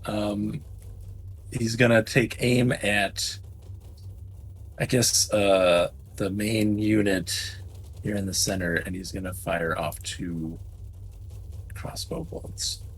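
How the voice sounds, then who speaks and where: A man's voice: lowish voice, fairly even intonation, slow pace, long pauses, slight background noise, low-quality recording. A man playing a tabletop role-playing game, chatting casually and hesitantly as he thinks aloud. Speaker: player.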